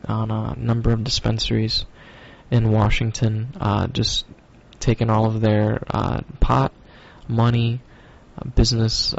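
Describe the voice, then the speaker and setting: A man with a low, gravelly voice hosts his own stoner podcast, drifting through his thoughts with frequent ums and casual swearing. The recording sounds dull and lo-fi, like a home setup. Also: a little mellow. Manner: loose, rambling, profane, with many fillers. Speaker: podcast host.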